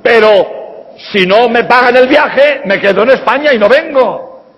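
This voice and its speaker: A man's voice: very high voice, unhurried. A man from Spain with a Spanish accent, a priest answering audience questions bluntly with rhetorical questions. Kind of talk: public lecture Q&A. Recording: reverberant hall, dull lo-fi sound.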